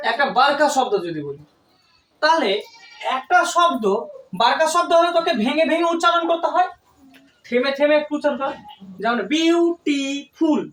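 A woman tutor teaching a classroom lesson, explaining step by step and often asking her students questions. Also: high-pitched. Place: tuition classroom. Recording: echoey room, distant mic, faint noise.

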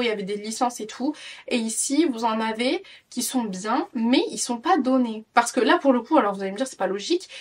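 A woman's voice: fairly high pitch, slightly rough, recorded from a distance. A tired woman in her twenties chatting casually through a clothing haul vlog, rambling with many fillers and restarts. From France. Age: 20s. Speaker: parenting vlogger.

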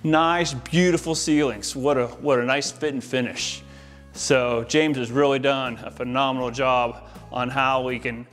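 An American man in his forties, a home audio-video installer, gives an enthusiastic, informal tour to camera inside a large, mostly empty house. His voice is mid-range with a fairly bright tone.

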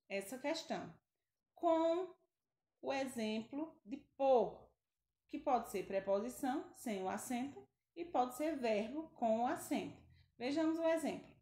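A Brazilian woman teacher giving a grammar lesson, speaking slowly and stretching out example words, often checking in with the class. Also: a little high, a little mellow, roomy sound. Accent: Brazilian Portuguese.

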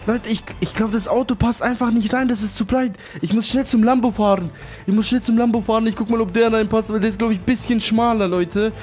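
A young man with a fairly high voice narrates his game role-play. He is excitable and keeps repeating his exclamations. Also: a little fast, soft background music. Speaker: gaming YouTuber.

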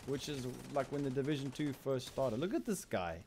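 A man's voice: mid-range voice, fairly quick, background noise. Zimbabwean man streaming a shooter game. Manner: casual, excitable, laughs often, calls viewers bro. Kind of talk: live gameplay commentary.

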